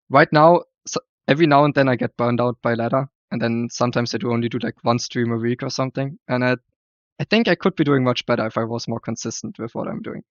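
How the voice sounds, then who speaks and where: A man's voice: mid-range voice, no room sound, lo-fi sound. A man talking casually as a podcast guest, hesitant and often repeating words as he looks for them. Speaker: podcast guest, card game player. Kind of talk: casual chat.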